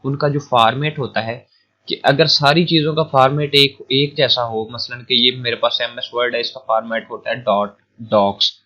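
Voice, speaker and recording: A young man from Pakistan talks through a computer science lesson as he records his screen. He keeps it informal and repeats key points, checking in with his viewers again and again. His tone is bright and forceful, and the recording sounds a little muffled and lo-fi. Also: mid-range voice, fairly even intonation, normal speed. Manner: chatty, repeats points, keeps adding "theek hai". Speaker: online lecture tutor.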